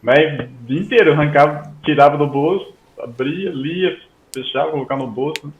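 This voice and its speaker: A man's voice: on the high side, brisk, a little hiss or hum. Brazilian man on an echoey, dull line. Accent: Brazilian Portuguese. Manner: tags most sentences with "né?". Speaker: Hebrew teacher guest. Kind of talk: casual interview chat.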